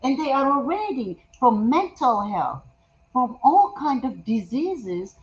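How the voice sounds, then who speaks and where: A woman's voice: high-pitched, very animated, takes it slowly. A woman from Ethiopia, talking passionately and emphatically in a casual conversation. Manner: passionate, emphatic, frequent agreeing yeahs. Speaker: host. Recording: dull lo-fi sound with faint background noise.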